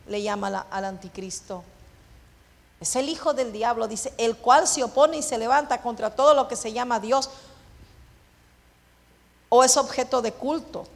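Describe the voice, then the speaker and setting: A woman preaching a sermon, asking the congregation questions and answering them herself, dropping to low hushed phrases and then rising to emphatic ones. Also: in a large hall.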